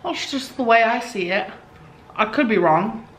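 Chatty woman vlogger, fairly high voice. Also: expressive, unhurried, reverberant, a little hiss or hum, poor audio. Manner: chatty, filler-heavy, confessional. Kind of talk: casual vlog chat.

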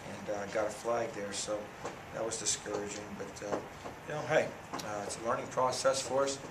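Low, flat-voiced coach at a press conference. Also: male voice. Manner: plain, measured, many fillers and restarts. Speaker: head football coach. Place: press room in front of a sponsor backdrop. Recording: echoey room audio from a far camera, noisy.

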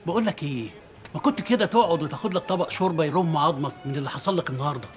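An actor with an Egyptian accent playing a kindly, insistent middle-aged shopkeeper in a TV drama. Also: male voice, fairly high pitch, very fast, natural voice. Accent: Egyptian Arabic. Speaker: shop owner. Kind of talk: TV drama acting.

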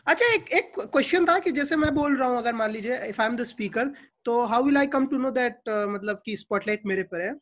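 A man's voice: extremely high pitch, racing, fairly bright tone. A man with an Indian accent, chatting casually on a video call and switching between two languages. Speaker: meeting participant. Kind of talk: casual chat mixing Hindi and English.

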